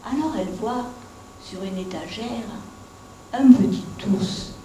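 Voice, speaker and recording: A woman storyteller reading a Christmas tale aloud in an expressive, homely way. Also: medium pitch, measured pace, distant mic, slight background noise. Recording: echoey room.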